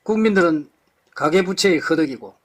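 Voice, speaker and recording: A man's voice: on the high side, expressive, moderate pace. A man giving an impassioned political lecture to a live audience, firing off rhetorical questions and blunt insults.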